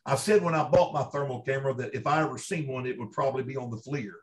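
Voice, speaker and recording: A man's voice: mid-range voice, fast. A man with a Kentucky accent telling first-hand stories in a folksy, emphatic, conversational way, repeating himself for emphasis as an interview guest. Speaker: interview guest, Bigfoot researcher.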